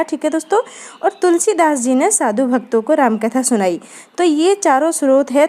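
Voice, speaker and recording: A woman's voice: sits high, warm tone. A woman teaching an exam-prep literature lesson, explaining step by step and checking in with her students. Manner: explanatory, frequent "ठीक है दोस्तों" check-ins.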